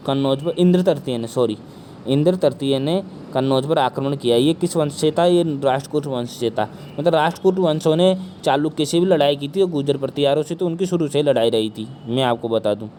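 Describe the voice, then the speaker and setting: Soft-spoken male teacher with a sore throat. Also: a little high, a little hiss or hum. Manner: repeats questions and answers them himself. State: sore throat, speaking softly. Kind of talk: exam-prep history lecture.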